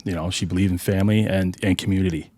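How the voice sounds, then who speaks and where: A man talking as a podcast guest in a casual, reflective way, pausing often with fillers and restarts. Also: low-pitched, fairly even intonation, a little mellow, dry recording. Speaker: podcast guest, firefighter and junior hockey coach. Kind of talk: casual interview talk.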